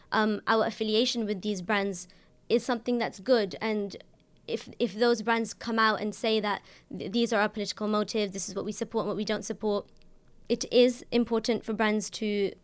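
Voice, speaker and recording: Chatty young woman in her twenties. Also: medium pitch. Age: 20s. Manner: conversational, uses fillers like "um" and "you know". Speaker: podcast guest. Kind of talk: panel discussion.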